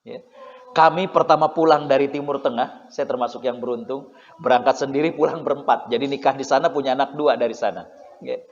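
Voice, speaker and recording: A man's voice: mid-range voice, steady tone, a little fast. A man from Indonesia giving a chatty, humorous religious lecture, tagging his lines with "ya" and acting out parents and children. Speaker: Islamic preacher. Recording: muffled recording with long hall reverb.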